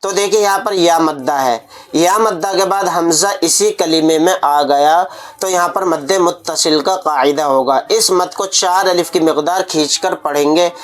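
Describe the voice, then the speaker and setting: A man's voice: on the high side, normal speed. A man teaching Quran reading, spelling out letters one by one and drawing out the long vowels so students can repeat after him. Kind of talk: step-by-step recitation lesson.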